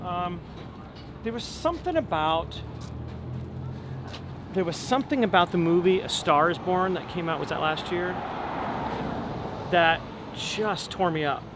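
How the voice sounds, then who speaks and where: During a casual walking interview outdoors on a city street, a Long Island opera tenor in his forties talks at a measured pace with long pauses. His fairly high voice is relaxed and thoughtful, full of ums and restarts, over clearly audible traffic and street sounds.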